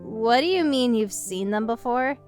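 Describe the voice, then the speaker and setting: A man voicing an excitable young woman adventurer in an audiobook, eager and full of chattering questions. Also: very high voice, normal speed, soft background music, pitched above the performer's own voice. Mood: curious. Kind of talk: audiobook character voice.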